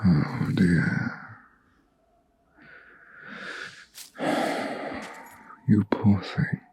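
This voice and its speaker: A man plays a gentle, protective huntsman in an intimate ASMR fantasy roleplay, speaking softly in a low, gravelly, breathy voice. His phrasing is slow, soothing and old-fashioned, the performance heavily acted, and the mood hushed and calming.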